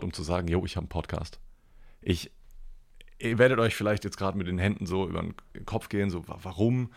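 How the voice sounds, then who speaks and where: A man hosting a podcast, telling a rambling everyday story in a casual, self-deprecating way and swearing now and then. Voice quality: deep gravelly voice. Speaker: podcast host.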